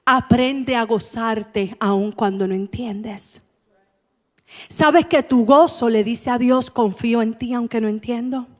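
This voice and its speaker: A woman preacher with a high, bright-pitched voice delivers an emphatic sermon and keeps turning to the congregation with rhetorical questions. Her words ring out with a long reverb from a large church hall. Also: takes it slowly.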